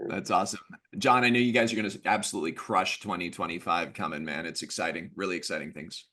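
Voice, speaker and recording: A man's voice: low-pitched, fairly even intonation, fast, pushed and bright. A man hosting a casual online group chat in an enthusiastic, informal, buddy-like way. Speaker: host of online group meeting.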